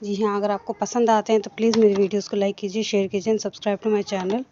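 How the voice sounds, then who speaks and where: A woman chats through her daily home vlog, homely and talkative, drifting from one thing to the next. Her pitch stays flat and level, and clear background noise from a family home runs under her voice. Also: a little fast, lo-fi sound. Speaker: daily vlogger. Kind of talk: casual chatty vlog narration.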